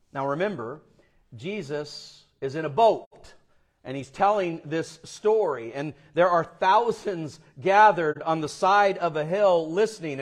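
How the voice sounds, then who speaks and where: A man preaching a Sunday sermon in a church, his voice pitched a touch high. He builds to loud, raised passages, then drops to a low, quiet delivery on key words. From Florida. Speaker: pastor.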